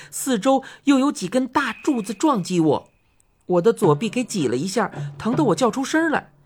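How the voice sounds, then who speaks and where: A woman with a mid-range voice narrates a children's fantasy audiobook. Her reading is expressive and rises to cries during the excited passages.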